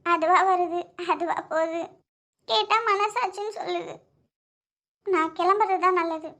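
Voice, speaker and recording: This is a tearful, stubborn young woman in a cartoon who is hopelessly in love, as a woman voices her. Her voice sits extremely high and squeaky. She pleads with emotion in every line. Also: fairly even intonation, a little slow, pushed and bright, heavily acted. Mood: heartbroken.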